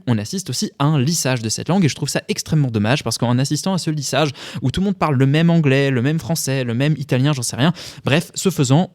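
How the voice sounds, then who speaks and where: A man's voice: mid-range voice, a little mellow, no room sound. Impassioned man on a dry studio mic. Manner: impassioned, swears for emphasis. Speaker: film critic columnist. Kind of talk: scripted opinion segment.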